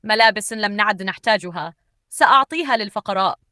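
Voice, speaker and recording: A woman voicing a kind, soft-spoken young wife who pleads gently. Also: mid-range voice, brisk, no echo, clean studio sound, natural voice. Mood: gentle.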